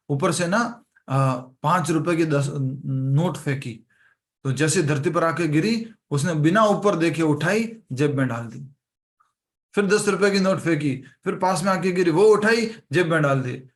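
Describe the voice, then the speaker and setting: Over a video call, a man with a slightly high voice teaches an online scripture class, narrating a story and performing the characters' lines.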